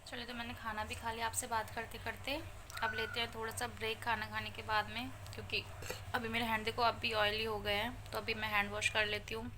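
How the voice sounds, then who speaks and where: A woman in her thirties talks casually to her viewers from home, chatty and playful. Her voice sits a little high. The recording carries a steady hiss of background noise. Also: fairly quick. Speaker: home vlogger and mother.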